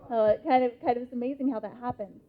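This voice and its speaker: A female motivational speaker in her thirties, an American from Idaho, gives an interactive talk to a live audience in a conference hall. Her slightly high voice is deliberate, emphatic and steady in tone. The live recording is lo-fi and muffled, with a phone-like hall sound.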